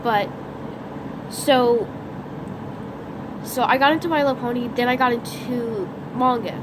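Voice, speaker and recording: Stuffy-nosed and hoarse from a sore throat, a teen girl vlogger rambles casually without a script, saying "like" constantly, her slightly high voice unhurried and sniffly. She's by a lake in a lightning storm, shooting on her phone camera. Thunder and other outdoor noise sit in the background.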